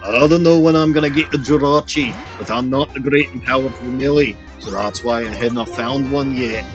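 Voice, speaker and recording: A man streaming through a voice changer that shifts his voice deeper, rambling in a playful mock-pirate way full of "aye" and "lad". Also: normal speed, highs cut off, over music. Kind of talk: rambling livestream commentary.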